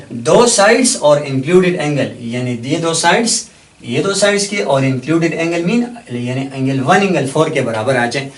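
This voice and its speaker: Man teaching math from across an echoey room. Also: on the high side. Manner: explains step by step, repeats questions and answers them himself. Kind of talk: classroom lecture. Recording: echoey room, mic far off.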